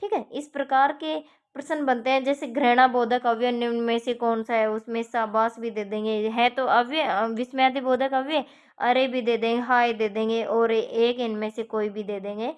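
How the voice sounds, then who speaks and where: A woman's voice: a little high, flat delivery, moderate pace, smooth, highs cut off. A woman teacher giving an exam-prep grammar lesson, explaining step by step and repeating each example before checking in with her students.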